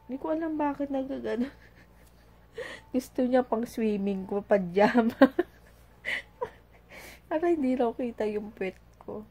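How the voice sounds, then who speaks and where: Mom vlogger at home, mellow voice, chatty and giggly, casual storytelling. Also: female voice, a little high, unhurried, long pauses, husky. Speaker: vlogger and mother. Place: at home doing chores.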